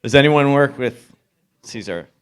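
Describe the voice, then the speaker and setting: A man's voice: mid-range voice, animated, measured pace, clean tone. A man from a sponsor announcing prize winners at a conference, casual.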